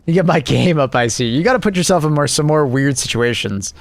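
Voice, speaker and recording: A man's voice: on the high side, expressive, brisk, dry recording. A man live streaming, chatting casually with his viewers and reacting to their messages with joking, rambling asides.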